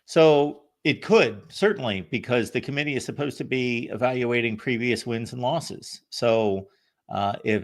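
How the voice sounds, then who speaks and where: A man's voice: on the low side, a bit bright. A man hosting a sports call-in show, giving conversational analysis in a matter-of-fact way, explaining step by step. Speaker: host of a college football call-in show.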